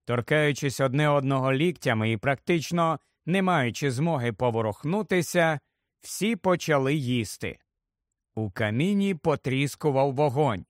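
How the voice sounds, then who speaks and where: A man reading an audiobook aloud in an expressive, steady storytelling manner. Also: medium pitch, moderate pace, dry recording, clean studio sound. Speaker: audiobook narrator.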